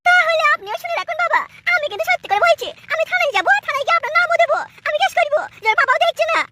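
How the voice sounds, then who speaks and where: A woman voicing an anxious, indignant young daughter-in-law in a comic cartoon, shrill and pleading. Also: lively intonation, very fast, sharp tone, full character voice. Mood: threatening.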